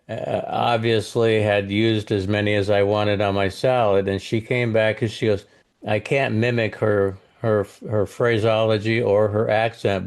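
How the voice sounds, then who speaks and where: A man co-hosting a podcast in casual chat, rambling and chuckling as he hands out a steakhouse quiz. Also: fairly low pitch. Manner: rambling, chuckling, restarts phrases.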